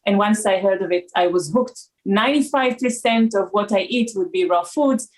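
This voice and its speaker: A woman in her forties from Israel with an Israeli accent, a raw food consultant talking as a guest in a casual interview, pausing often with uh and um. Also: mid-range voice, darkish tone, poor audio. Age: 40s. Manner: hesitant, many uh and um fillers.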